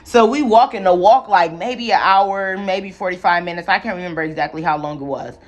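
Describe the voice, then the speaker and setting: A woman's voice: on the low side, a little fast. A young adult woman vlogging a casual, profane storytime, chatty and full of slang. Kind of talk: casual storytime while doing hair.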